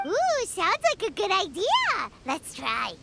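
A squeaky little fairy companion. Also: female voice, huge pitch swings, unhurried, gravelly, heavy background noise, full character voice. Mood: chirpy. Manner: chirpy, exclamatory. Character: tiny childlike female fairy companion, chirpy. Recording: game cutscene with loud music.

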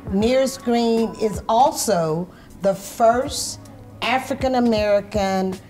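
A woman's voice: a little high, takes it slowly, warm tone, faint music behind. A middle-aged woman walking a guest through a whiskey tasting in a restaurant bar, speaking on a lapel mic. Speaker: whiskey brand representative. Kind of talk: guided tasting talk. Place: upscale restaurant bar indoors.

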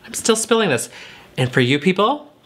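Sassy drag queen man, lively swooping voice. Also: sits high, moderate pace. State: tipsy from drinking. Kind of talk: casual comedic chat while playing a game. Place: small indoor set with foil backdrop.

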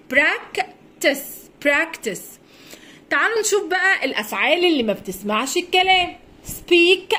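An Egyptian woman teaches English vocabulary in a recorded lesson for primary school children. Her voice sits high and moves with a wide, animated melody. She stops on each new word and repeats it slowly so the pupils can copy it. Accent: Egyptian Arabic.

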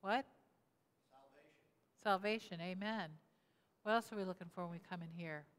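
Her voice lowish and smooth, and her pace fairly quick, a woman in her sixties leads an interactive sermon as pastor. She stands at a lectern in a church sanctuary, asking the congregation questions and repeating their answers. A lectern mic records her, with the camera at mid distance, in a reverberant church hall.

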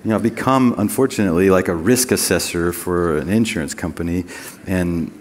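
Guy pastor giving a sermon, lowish voice, chatty and jokey, big church reverb. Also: slight background noise. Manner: conversational, joking asides; reads scripture slowly and deliberately.

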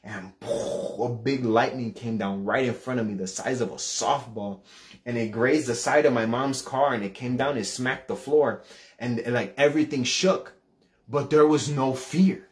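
A man's voice: mid-range voice, normal speed. Earnest man in his thirties giving fervent testimony. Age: 30s. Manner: earnest and fervent, repeating words and voice rising when retelling. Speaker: preacher sharing testimony. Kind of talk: impassioned personal testimony.

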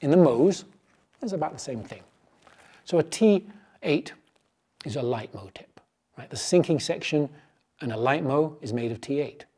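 A middle-aged man, a fly fishing instructor, calmly explaining gear in an animated, easygoing teaching style in a studio. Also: on the high side, normal speed, long pauses, slightly rough. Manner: animated, gestures a lot while explaining. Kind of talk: relaxed explanatory demonstration. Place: indoor studio set.

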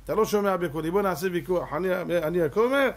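A man voicing a scheming vengeful priest. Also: high voice. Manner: scheming, pleading with a king.

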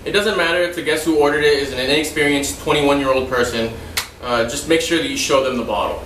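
A young server trainer walks through wine service in a home dining room, speaking fast at a medium pitch and keeping a steady, explanatory tone with occasional loose asides. The camera is positioned far off, no mic is visible, and the recording has a roomy echo plus a little hiss or hum.

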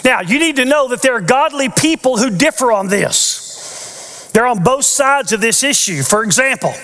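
With an extremely high, bright, forceful voice, an older pastor delivers a teaching sermon through a headset mic on a large church stage before an audience. He is earnest but adds playful asides. The recording has the long reverb of a vast church hall.

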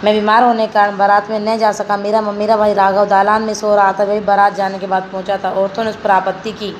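A woman teacher reading a textbook story aloud for a class, in a steady manner with frequent slips and self-corrections. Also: mid-range voice, brisk, a little hiss or hum, poor audio.

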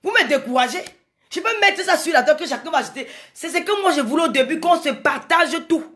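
A woman speaks in a high voice, delivering a fervent live monologue to her viewers. She hammers her points home by repeating words and phrases, and stops to greet commenters by name. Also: expressive, fast, fairly bright tone. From Cameroon. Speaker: live streamer talking to viewers.

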